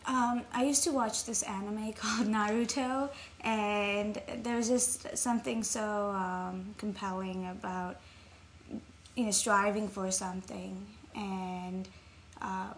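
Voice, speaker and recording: A young woman from Nepal, talking reflectively as an interview guest, with frequent ums. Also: mid-range voice. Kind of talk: casual interview. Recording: faint background noise.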